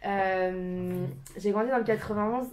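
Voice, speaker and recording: A young woman in her twenties the suburbs, giving an informal talk to a small group in a community room, filmed by a camera. She hesitates often, restarts and fills pauses. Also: mid-range voice, steady tone, a little mellow. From France, Paris suburbs. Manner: hesitant, many fillers and restarts, self-conscious laughter.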